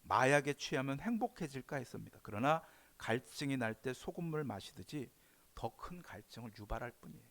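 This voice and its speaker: A male pastor delivers a sermon at a mid-range pitch. He preaches with animation, jumping from loud, emphatic lines to quiet, confiding asides. His voice is neither high nor low for a man. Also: animated, fairly quick.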